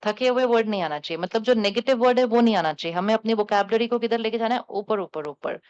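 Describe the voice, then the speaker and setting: A woman spiritual teacher giving a calm, coaxing talk to a live audience, putting questions to the listeners and repeating affirmations. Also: on the high side, fast, smooth. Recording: dull lo-fi sound.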